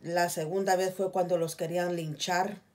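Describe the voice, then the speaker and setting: A middle-aged Guatemalan woman speaks to her camera from a small curtained room, with a somewhat low voice. She pleads earnestly and keeps asking her viewers to take care. Her Guatemalan accent colours a casual, heartfelt vlog delivery. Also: little pitch movement, moderate pace, darkish tone. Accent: Guatemalan Spanish. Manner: earnest, pleading, repeats "please, guys". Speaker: vlogger.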